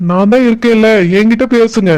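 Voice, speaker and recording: A man voicing a gentle young man with memory loss in a cartoon, speaking with a Kanyakumari Tamil accent in a soft, musing way. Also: very high-pitched, fairly even intonation, fairly quick, clean tone. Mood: pleading. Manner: soft, pleading, musing aloud. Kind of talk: cartoon voice acting.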